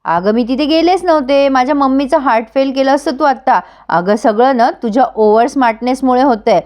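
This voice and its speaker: Brief: rude, arrogant young woman, a woman voicing her, high, curt, dismissive. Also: brisk, a little mellow, close to an everyday voice.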